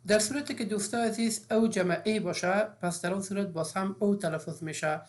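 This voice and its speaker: A woman's voice: mid-range voice, darkish tone. A woman, teaching an English phonics lesson step by step with frequent fillers.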